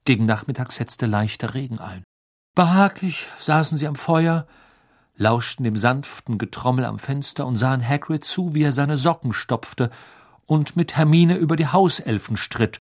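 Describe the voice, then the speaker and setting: A man narrating a novel as an audiobook, reading in an expressive storytelling way. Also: mid-range voice, normal speed. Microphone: close studio microphone. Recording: dry studio sound.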